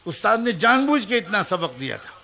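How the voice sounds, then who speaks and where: A man preaches an earnest storytelling sermon, addressing mothers and young people directly and acting out the child, teacher and mother in his moral tale. His high, bright voice is forceful and sing-song, with vocal fry.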